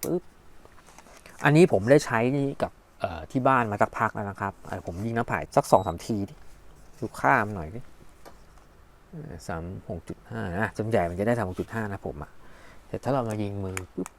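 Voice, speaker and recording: Low-voiced man demoing a gadget. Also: brisk. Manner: chatty, thinks aloud, narrates each button press. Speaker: product reviewer. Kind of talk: casual hands-on product demo. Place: at home indoors. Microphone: phone camera.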